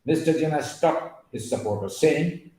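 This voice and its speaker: A guest on a webinar, this man speaks in a fairly high, expressive, somewhat mellow voice during an earnest lecture. He's emphatic and prone to personal digressions, often saying "uh," and his video-call audio echoes strongly.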